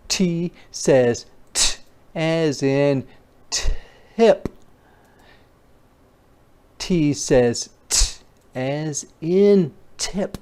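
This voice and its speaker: During a phonics lesson, a teacher reads aloud to young children, pronouncing letter sounds and words with exaggerated care and tossing in playful, expressive asides. The voice is medium in pitch.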